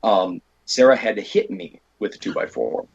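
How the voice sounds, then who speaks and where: A guest on an interview, this American indie horror filmmaker and stunt performer recounts rambling stories with lively quoted dialogue from the people involved. His fairly low voice is gravelly with a breathy edge, moving at normal speed, and the sound is lo-fi.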